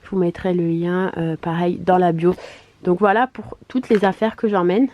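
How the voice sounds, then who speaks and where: A woman chatting casually in a vlog, her voice hoarse, congested and duck-like from swollen tonsils, speaking in a chatty, hesitant way. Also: lowish voice, steady tone, normal speed, no room sound, dull audio. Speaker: vlogger. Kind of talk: casual vlog chat to camera.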